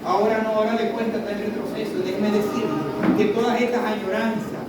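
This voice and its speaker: A man's voice: high-pitched, little pitch movement, fast. A man preaching a sermon as pastor, emphatic and repeating calls for his congregation to listen closely. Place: church hall. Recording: echoey church room from far off, noisy.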